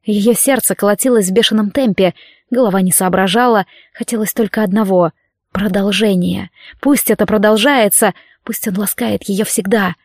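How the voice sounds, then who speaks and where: A woman narrating a romance audiobook in an even, steady reading voice. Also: medium pitch, normal speed, dry recording, clean studio sound.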